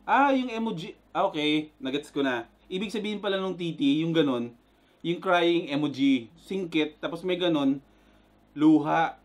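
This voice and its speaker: A man with a Filipino accent hosting a casual reaction vlog, excitable and prone to loud exclamations, switching between Tagalog and English. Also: fairly high pitch, normal speed. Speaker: reaction video host.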